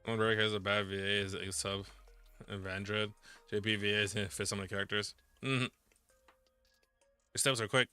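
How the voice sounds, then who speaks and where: Bright-voiced rambling male streamer. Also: fairly low pitch, level tone, fairly quick, clean tone, faint music behind. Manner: rambling, laid-back, reads narration aloud. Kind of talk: casual gaming stream chat and reading game text.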